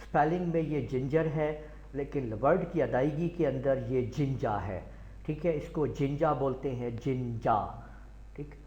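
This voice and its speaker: A man with a Pakistani accent teaching a slow classroom lecture, repeating each word several times and spelling it out letter by letter. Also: mid-range voice, mellow, slight background noise. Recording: echoey room, dull lo-fi sound.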